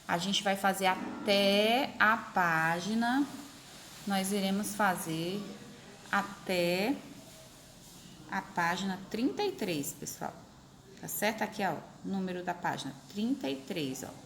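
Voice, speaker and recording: Patient woman teacher, faint noise. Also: mid-range voice. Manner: patient, repeats examples slowly, stretches syllables. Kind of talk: recorded remote class explanation.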